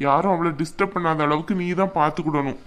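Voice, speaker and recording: A woman's voice: deep voice, fast talker, close to an everyday voice. A woman voicing an older male father-in-law in a cartoon, firm and fatherly. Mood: reasoning. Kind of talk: cartoon voice acting.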